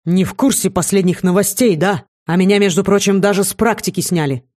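A woman's voice: medium pitch, a little fast, a little mellow, lightly acted. A woman voicing a blunt, stubborn young male werewolf in an audiobook. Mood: grumbling. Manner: blunt, matter-of-fact. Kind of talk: audiobook character voice.

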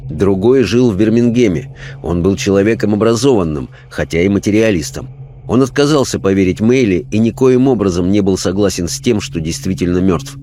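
A man narrating a story in an expressive storytelling manner. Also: fairly low pitch, slight background noise. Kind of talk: scripted narration.

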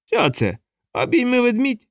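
A man voicing a sly, scruffy male city watchman who talks in a quick, dismissive way. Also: very high-pitched, wildly swooping pitch, dry recording, studio quality, pitched above the performer's own voice, exaggerated voice.

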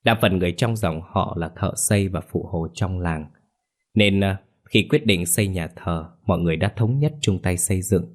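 A man giving steady scripted story narration. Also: deep voice, normal speed.

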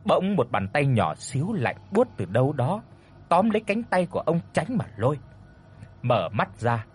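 A man narrating a ghost story in a dramatic, expressive way. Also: on the high side, breathy edge. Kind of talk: scripted horror story narration.

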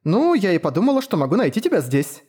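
A man putting on a shrill, panicky young noblewoman. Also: wildly swooping pitch, fast, a little mellow, husky, full character voice. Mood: polite. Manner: ceremonious, polite, easily panicked. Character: gentle, excitable young noblewoman priestess.

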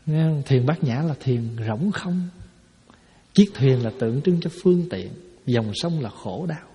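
A man's voice: medium pitch, expressive, unhurried, warm tone. A man, a Buddhist monk giving a folksy dharma talk to a hall, explaining with rhetorical questions. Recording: echoey hall, dull lo-fi sound.

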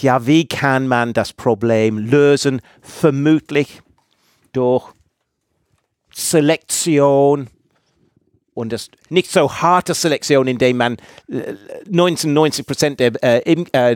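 A man's voice: medium pitch, dry recording, clean studio sound. A man from England with an English accent, a native English speaker, speaking as a guest researcher in a casual interview and searching for words as he goes.

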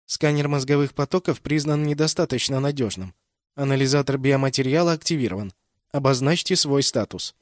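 A man's voice: medium pitch, a little fast, no room sound, studio quality, close to an everyday voice. A man voicing a terse, touchy female ship computer in an audiobook, with formal, clipped announcements. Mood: offended. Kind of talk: audiobook character voice.

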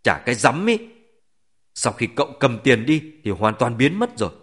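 A man's voice: mid-range voice, very animated, moderate pace. A man voicing a scornful middle-aged mother. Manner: mocking, accusing.

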